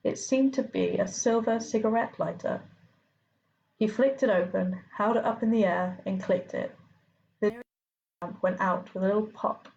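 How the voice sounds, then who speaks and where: A woman reads a story aloud at a middling pitch, steady and plain, as an amateur audiobook reader. The recording is dull and lo-fi. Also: normal speed, gravelly.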